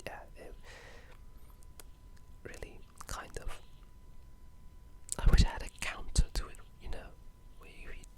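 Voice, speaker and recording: Unhurried and a little mellow, with long pauses, the voice whispers breathily and without voicing. It rambles casually about video games for an ASMR video, sounding like an excited gamer.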